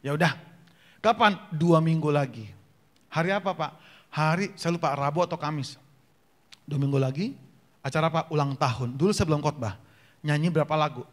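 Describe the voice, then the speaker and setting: A man from North Sumatra, a gospel singer and preacher, giving a humorous testimony sermon at a church prayer meeting, joking and acting out dialogue in quick changes of voice, his voice a little worn. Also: on the high side. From North Sumatra, Indonesia. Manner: jokey storyteller, acts out dialogue with quick voice changes. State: slightly worn voice.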